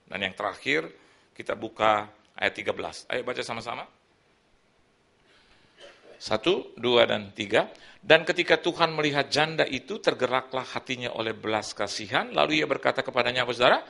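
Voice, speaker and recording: Animated, gravelly-voiced male preacher. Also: medium pitch, normal speed. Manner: animated storytelling, acts out quoted voices, swings loud and soft. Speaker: pastor. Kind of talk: sermon with personal testimony. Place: church hall.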